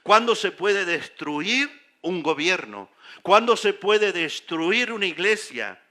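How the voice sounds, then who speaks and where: A male pastor delivers an emphatic sermon in a church, speaking in a high, piercing register. His tone is very bright and edged. He keeps turning to the congregation with rhetorical questions. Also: animated, slow pace. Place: church sanctuary.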